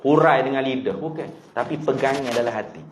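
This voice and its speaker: A man's voice: medium pitch, fairly quick, reverberant, slight background noise. A man with a Kelantanese Malay accent teaching a religious study class, joking and drilling terms by repeating them. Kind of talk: kitab study class lecture.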